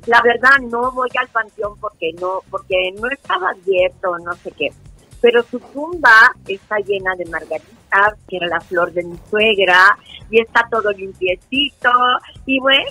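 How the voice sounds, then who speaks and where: A woman's voice: medium pitch, pushed and bright, breathy edge, no echo. An older woman, a guest calling into a talk show by phone. She sounds faint and far off, and she talks affectionately, full of endearments. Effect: phone call, heard faintly as if from far off. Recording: distant phone line.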